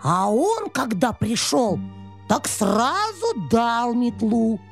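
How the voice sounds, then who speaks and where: A woman's voice: a little high, big pitch swings, slow pace, creaky, soft background music, exaggerated voice. A woman voicing a young servant girl answering her queen. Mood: pleading.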